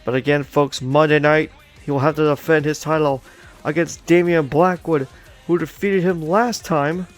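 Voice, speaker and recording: A man's voice: fairly high pitch, fairly even intonation, normal speed, faint music behind. Upbeat male wrestling show commentator. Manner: hype announcer tone, addresses folks, chatty with co-host.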